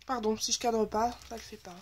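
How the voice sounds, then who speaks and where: Excited woman showing off her craft haul, bit nasal from a cold, highish voice, faint noise. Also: brisk. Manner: chatty and enthusiastic, gushing over purchases. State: blocked nose, slightly nasal. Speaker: scrapbooking vlogger. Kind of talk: casual haul video chat.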